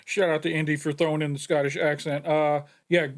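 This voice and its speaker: A man hosting a reaction video, chatting casually and pausing often with fillers as he thinks aloud. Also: a little high, level tone, slight background noise. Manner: chatty, with frequent fillers and hesitations.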